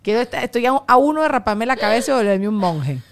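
A woman hosting a casual chat, animated and teasing, laughing often. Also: fairly high pitch, quick pace, creaky, a crowd in the background. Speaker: podcast host.

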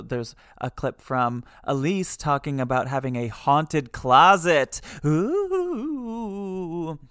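A woman hosting a podcast in a casual chat, talking in an animated way with frequent fillers and little excited exclamations. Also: a bass voice, smooth. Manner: chatty, animated, with many fillers and little squeals. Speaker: podcast host.

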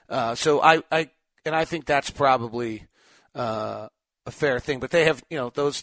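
A man's voice: fairly high pitch, fairly bright tone, no room sound. A man hosting a sports podcast, giving unscripted commentary and thinking aloud in short, clipped assessments.

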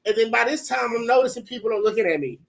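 Animated male storyteller, playful and laughing, noisy recording. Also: very high voice, fast, creaky. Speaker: podcast co-host. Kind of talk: casual comedic storytelling. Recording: noisy background.

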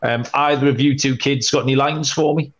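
A man's voice: medium pitch, steady tone, dull audio. Man hosting a betting podcast. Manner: brisk, reads stats with filler "um" and "uh". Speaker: podcast host. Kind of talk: casual sports betting chat.

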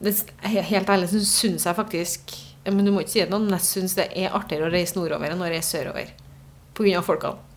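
A woman's voice: lowish voice, fairly even intonation, slight background noise. A woman hosting a casual, conversational interview. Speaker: interviewer, host.

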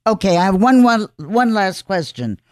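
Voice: mid-range voice, very animated, moderate pace, no room sound, studio quality. A radio host asking blunt, chatty questions. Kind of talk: radio interview.

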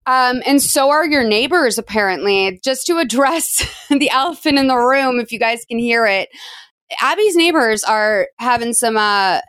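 A woman's voice: on the high side, expressive, a bit bright, clean tone, no echo. Chatty woman podcast host, dry sound. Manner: chatty, curious, quick follow-up questions. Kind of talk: casual chat.

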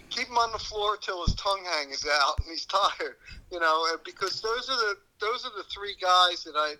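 A man co-hosting a sports podcast, giving casual analysis in a halting way, repeating words as he reasons. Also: high-pitched, sharp tone, low-quality recording.

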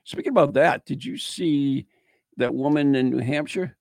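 A man's voice: moderate pace, vocal fry, a little mellow, dry recording. A man co-hosting a casual chat, reading ghost stories aloud and joking around, from the United States. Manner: chatty, joking, slips into playful high voice.

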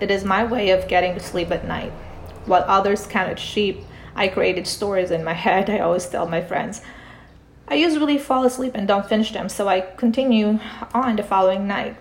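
A middle-aged woman born in the Philippines, a parent coach and author, talking calmly and reflectively as a guest in a podcast interview over a remote call. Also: medium pitch.

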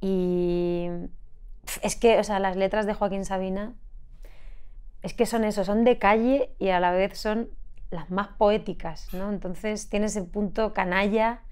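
A young woman from Spain, a singer being interviewed on a podcast, telling stories in an animated, laughing way. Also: medium pitch, unhurried, clean tone. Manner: animated storytelling with frequent laughter. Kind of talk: casual interview chat.

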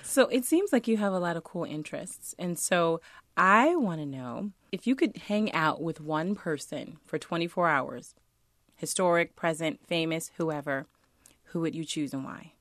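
A woman's voice: deep voice, lively intonation, moderate pace, fairly bright tone, dry recording, studio quality. A woman in her thirties co-hosting a podcast, chatting casually in a teasing, encouraging way. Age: 30s. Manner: teasing and encouraging, laughs often. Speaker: podcast co-host. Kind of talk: casual chat.

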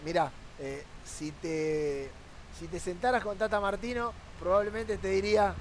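A male sports journalist with an Argentine accent argues his point on a football talk panel, using rhetorical questions. His voice is high-pitched and a little slow, with slight background noise.

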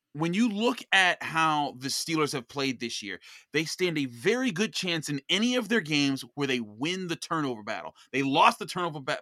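A man in casual sports chat, excitably retelling a game as a podcast guest. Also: on the high side, no room sound, clean studio sound. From Pittsburgh area. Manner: animated, excitable storytelling.

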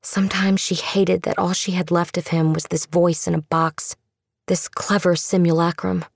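A woman's voice: on the low side, flat delivery, normal speed, gravelly, no room sound, clean studio sound. A woman reading a scripted, dramatic fiction narration as an audiobook narrator.

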